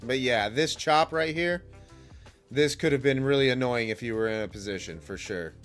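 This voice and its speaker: With soft music playing behind him, a livestream host who day-trades futures chats informally and loosely about the markets. His medium-pitched voice moves at a moderate pace, and a cold leaves him with a slightly stuffy nose and a cough.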